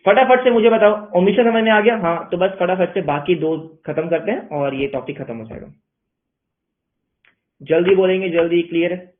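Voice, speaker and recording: Male teacher, playful lecture style, fairly high voice, narrow tinny recording. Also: normal speed. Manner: playful, answers his own questions in students' voices. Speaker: commerce teacher. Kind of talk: online accounting lecture. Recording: tinny phone-like sound.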